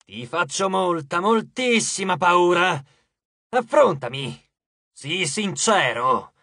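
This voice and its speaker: Guy doing a slow sneering love god in an audiobook, drags every word, kinda high voice. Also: animated, sharp tone, breathy edge, no room sound, studio quality, exaggerated voice. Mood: taunting. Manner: slow, drawn-out, taunting delivery. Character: invisible male god of love, mocking and cruel.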